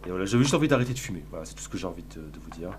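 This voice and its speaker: A man's voice: low-pitched, lively intonation, rapid-fire, background noise. Crude, sarcastic male streamer. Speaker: live streamer. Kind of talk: casual live-stream chat.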